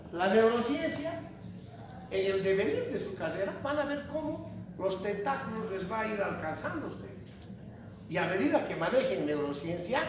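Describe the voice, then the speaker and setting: Brief: male professor, bright high voice swinging up and down, miked from far back in a booming classroom. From Bolivia. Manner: animated, jokey, asks the class questions. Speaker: university lecturer. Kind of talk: classroom lecture. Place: large echoey classroom. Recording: echoey classroom from far off, noisy.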